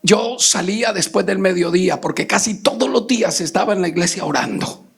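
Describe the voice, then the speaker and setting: A man from Colombia preaching a Pentecostal sermon, moving between shouted preaching and quick, hushed storytelling and calling out to the congregation. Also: sits high, vocal fry, husky. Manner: calls out to the congregation. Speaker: pastor. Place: church sanctuary.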